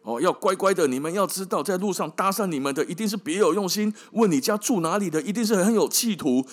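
This man speaks fast in a high-pitched voice with lively intonation and a Taiwanese Mandarin accent. As a podcast host, he tells stories in a casual storytelling monologue that is colloquial, wry and emphatic, often tossing in rhetorical questions.

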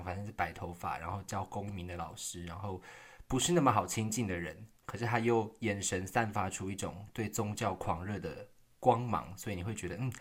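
低沉的台湾口音年轻男生闲聊. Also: male voice, low-pitched, fairly bright tone, slightly rough. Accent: Taiwanese Mandarin. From Taiwan. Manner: chatty, self-deprecating, laughs often, acts out dialogue. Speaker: vlogger. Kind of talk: casual storytelling monologue. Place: quiet room.

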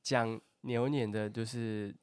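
A man's voice: on the low side, steady tone, takes it slowly, darkish tone, clean tone, dry recording, clean studio sound. A man with a Taiwanese accent bantering casually as a co-host.

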